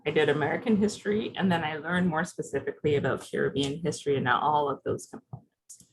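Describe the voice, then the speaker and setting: A woman's voice: low-pitched, fairly even intonation, quick pace, slight background noise, poor audio. A woman from Barbados, giving a conversational presentation over a video call and putting questions to her audience. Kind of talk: interactive presentation.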